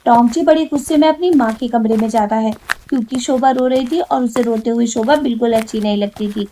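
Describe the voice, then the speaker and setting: A woman's voice: on the high side, fairly quick, warm tone, a little hiss or hum. A woman narrating a cartoon story in a plain, matter-of-fact way.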